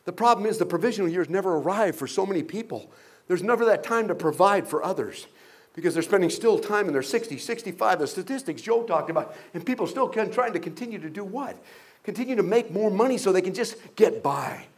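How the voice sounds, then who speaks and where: High-voiced man giving a humorous motivational talk. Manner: humorous storytelling with jokes and acted-out voices; asks the audience rhetorical questions. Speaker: guest speaker.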